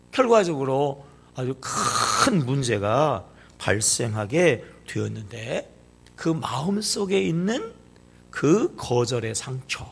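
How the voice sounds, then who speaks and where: Gravelly, animated male pastor preaching. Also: mid-range voice. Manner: emphatic, asks the congregation questions and prompts replies; acts out quoted speech in changed voices. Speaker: senior pastor. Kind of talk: sermon.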